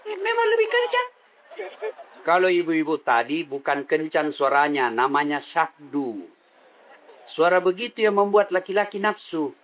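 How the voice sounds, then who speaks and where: A man's voice: fairly high pitch, moderate pace, fairly bright tone. A middle-aged man preaching a comedic sermon, teasing the crowd and leading call-and-response. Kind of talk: comedic sermon to a live audience.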